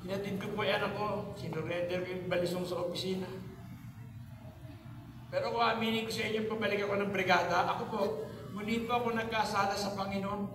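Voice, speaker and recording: A man's voice: high-pitched, level tone, fast, far from the mic. Earnest Filipino man testifying in echoey hall. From Philippines. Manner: earnest storytelling, acts out past dialogue. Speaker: church testimony speaker. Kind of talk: testimony sermon.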